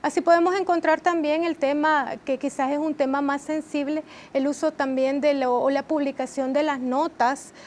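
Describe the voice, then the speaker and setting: A woman, answering as a guest in a TV interview in a measured, explanatory way. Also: high-pitched, steady tone, darkish tone, slight background noise. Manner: measured, explanatory, with frequent rhetorical tag questions. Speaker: interview guest, training head.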